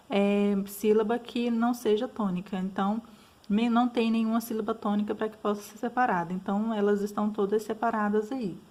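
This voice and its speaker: A woman's voice: on the high side, darkish tone. A woman teacher with a Brazilian Portuguese accent, patiently explaining school exercises, often checking in with her students. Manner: patient, frequent fillers and checks like "tá bom?".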